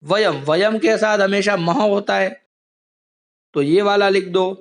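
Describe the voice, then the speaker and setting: A male teacher with a fairly high voice talks slowly through a lesson. His manner is patient, and he explains each step carefully for students on a video call. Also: fairly even intonation. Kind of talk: online class lesson.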